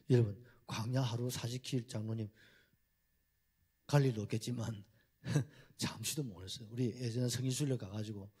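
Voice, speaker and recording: A man preaching a sermon with a Gyeongsang accent, telling the story in animated, colloquial fashion and often clearing his throat. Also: mid-range voice. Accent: Gyeongsang Korean. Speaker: pastor.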